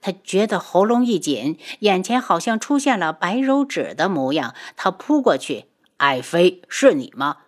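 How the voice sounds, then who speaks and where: A woman narrating an audiobook novel in an expressive reading voice. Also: mid-range voice, moderate pace, few pauses.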